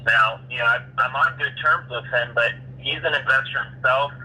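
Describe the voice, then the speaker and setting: A man with a very bright, forceful, mid-pitched voice talks through business on a call like a real estate agent. He feels his way into sentences, repeating words. There is a noticeable hum and noise in the recording. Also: normal speed, rough recording. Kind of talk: business phone conversation.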